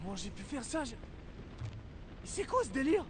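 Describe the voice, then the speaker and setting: A man's voice: very high-pitched, very animated, moderate pace. An actor playing a rattled, cocky young man with new superpowers in a video game dub, agitated and emotional. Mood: panicked, desperate. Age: young adult. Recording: game audio over noisy ambience.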